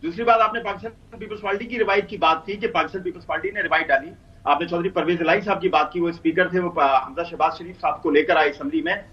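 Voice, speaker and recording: A man speaking as a political commentator guest over a remote link with a bad connection. He talks in a measured way and asks himself rhetorical questions. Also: on the high side. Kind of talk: talk show commentary. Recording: dull, distant remote line.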